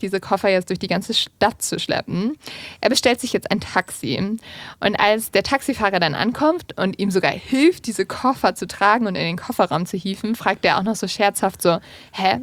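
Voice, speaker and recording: A young woman tells a true-crime story in a loose, chatty way, with casual fillers as she goes. Her pitch sits in a middling range, and the recording is dry and close with no room sound. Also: no echo. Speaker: podcast host. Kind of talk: true-crime podcast narration.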